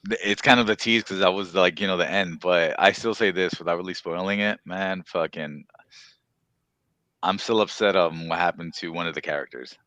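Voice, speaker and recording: A man with a deep yet bright, forceful voice hosts a casual podcast. He rambles through asides in a loose, chatty way, recorded close and dry. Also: steady tone, normal speed, no room sound. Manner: rambling, swearing, many "you know" asides. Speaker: podcast host. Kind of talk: casual chat about games and shows.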